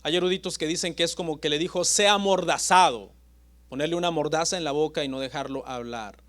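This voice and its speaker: A man preaching a sermon as pastor, with dramatic pauses and swings between loud and soft. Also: on the high side, steady tone.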